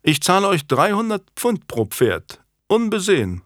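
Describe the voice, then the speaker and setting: A man voicing a genial, self-assured young English king in an audiobook, speaking in a lively, smiling way. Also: sits high, normal speed, dry recording, clean studio sound, pitched above the performer's own voice, exaggerated voice. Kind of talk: audiobook character voice.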